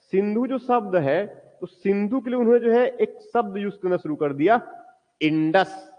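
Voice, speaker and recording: Lively-pitched man teaching history. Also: normal speed, in a large hall, dull audio. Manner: asks the class questions and answers them himself; repeats key words, drawn out for stress. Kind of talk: classroom history lecture.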